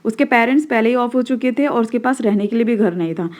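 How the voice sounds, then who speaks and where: Indian woman, school teacher, slightly high voice, patient classroom explainer, mixes Hindi and English. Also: quick pace, a little mellow. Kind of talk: explaining a textbook lesson.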